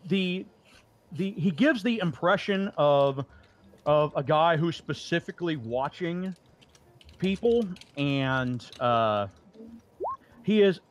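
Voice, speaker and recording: A man's voice: on the high side, animated, takes it slowly, long pauses. A man narrating as the dungeon master of a tabletop game, often stumbling and repeating words as he describes scenes.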